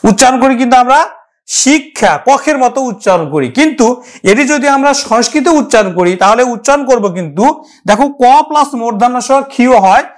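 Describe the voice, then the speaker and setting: A woman teacher giving a pronunciation lesson, explaining step by step, repeating each word slowly and speaking straight to her students. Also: on the high side, animated. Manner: addresses the class directly.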